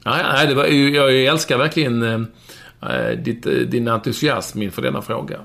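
A man's voice: medium pitch, lively intonation, vocal fry, a bit bright. A man co-hosting a casual podcast, bantering and arguing his points emphatically in a mock-serious way. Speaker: podcast co-host.

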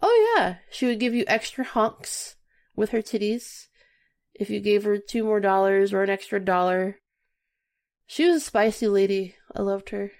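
A woman co-hosting a casual podcast chat, telling stories in an animated way. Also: mid-range voice, moderate pace. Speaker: podcast co-host.

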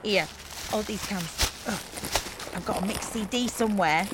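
A woman voicing a brash, loud party girl who talks in slang and swears casually. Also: mid-range voice, moderate pace, noisy background, close to an everyday voice. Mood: scheming. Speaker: trip organiser.

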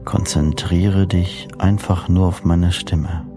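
A man narrating a sleep story as guided meditation, soothing and deliberate, with measured phrases and pauses. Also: low voice, steady tone. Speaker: host and hypnosis coach narrating sleep meditations. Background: new-age music.

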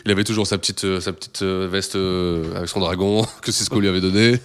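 A man's voice: sits low, steady tone, brisk, clean tone. A man co-hosting a casual radio-style chat, telling the story in an easy, rambling way full of fillers. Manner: storytelling, chatty, lots of fillers. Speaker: co-host. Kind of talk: casual hip-hop podcast chat.

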